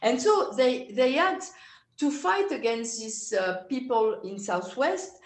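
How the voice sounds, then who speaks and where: A woman's voice: a little high, lively intonation, slow pace. A woman from France with a French accent, speaking as a guest in an interview, hesitant and full of fillers. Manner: hesitant, many fillers and restarts. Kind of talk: interview conversation. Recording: roomy echo.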